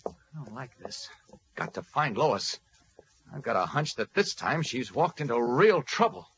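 An actor playing a mild-mannered male newspaper reporter in a 1940s radio serial, brisk and concerned. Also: medium pitch, very animated. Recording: muffled old radio recording with background noise.

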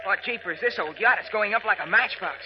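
Man playing Robin, high-voiced plucky boy sidekick. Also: quick pace, natural voice. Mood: alarmed. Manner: slangy, eager. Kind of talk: 1940s radio acting. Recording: noisy muffled old radio recording.

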